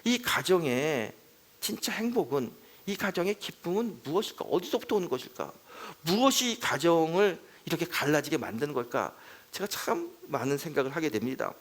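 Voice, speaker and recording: A middle-aged man, a pastor, telling a story in a revival sermon, moving from soft storytelling to loud, pleading prayer. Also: fairly high pitch, sing-song, moderate pace. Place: church sanctuary.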